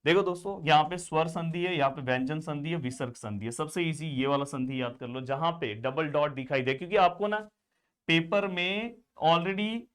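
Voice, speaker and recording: A man tutoring students in grammar with a smooth, resonant voice that sits a bit high for a man. He talks in a friendly, chatty way, calls the class friends, and voices students' questions before he answers them himself. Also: moderate pace, a bit bright. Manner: answers his own imagined student questions. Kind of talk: exam-prep lesson.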